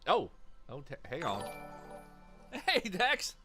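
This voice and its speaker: High, lively man reading a game dramatically. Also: slow, faint music behind. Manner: theatrical, jokey asides, mock transatlantic accent. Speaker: gamer reading a dating sim aloud.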